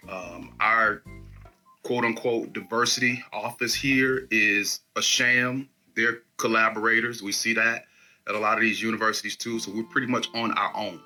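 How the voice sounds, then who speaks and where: A man who is a university professor, recording an earnest, measured video diary with weighty pauses. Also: on the low side, fairly even intonation, pushed and bright, soft background music.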